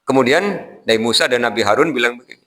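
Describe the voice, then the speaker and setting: A man's voice: mid-range voice, fast, fairly bright tone. A man with a Javanese accent giving a morning Quran commentary as a preacher, explaining Arabic verses phrase by phrase with homely jokes and speaking straight to the congregation. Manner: addresses the congregation directly. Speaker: Islamic preacher.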